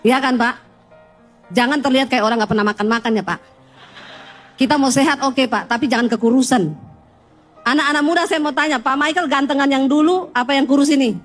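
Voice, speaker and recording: Woman preacher, high bright voice, humorous storyteller in church, faint music underneath. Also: fairly quick, long pauses. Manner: lively storytelling with teasing humor, often calls out to the congregation. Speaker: pastor. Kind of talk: sermon. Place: church in front of a congregation.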